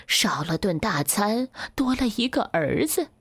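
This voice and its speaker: A woman's voice: mid-range voice, very animated, measured pace, fairly bright tone, breathy edge, no echo, heavily acted. Woman playing a stammering clever fox. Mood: musing. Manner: stammering, flustered. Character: flustered clever male fox.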